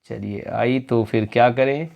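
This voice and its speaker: A male teacher giving an exam-prep lecture, reading English definitions slowly and often asking the students if it is clear. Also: mid-range voice, fairly even intonation, darkish tone. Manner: slow, drawn-out reading of English definitions, quizzing questions to students; repeatedly asks "clear friends?".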